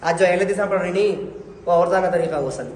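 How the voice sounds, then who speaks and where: A man's voice: sits high, fairly quick, a little mellow. Male religious teacher, correcting and coaxing learners, roomy sound with faint background noise. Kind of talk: hands-on prayer instruction. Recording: echoey hall, faint noise.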